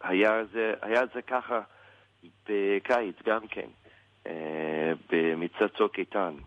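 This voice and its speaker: A man with an American English accent in Hebrew, a native English speaker, answers a radio interview as a rabbi, haltingly searching for words. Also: on the low side, steady tone, no echo, phone-quality sound.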